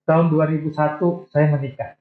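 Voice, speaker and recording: An older man in his sixties tells his life story in a loose, self-mocking way. His voice sits a little high for a man. It comes through thin and phone-like, with echo from the room. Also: brisk. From Indonesia. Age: 60s. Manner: relaxed storytelling with light self-deprecating jokes. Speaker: guest. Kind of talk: casual interview chat. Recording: echoey room, tinny phone-like sound.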